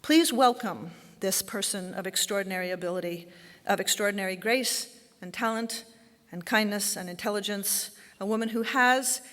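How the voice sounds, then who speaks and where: A woman's voice: mid-range voice, normal speed, fairly bright tone. A woman hosting an event in a large auditorium, giving a prepared, formal introduction of the guest speaker. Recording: reverberant hall.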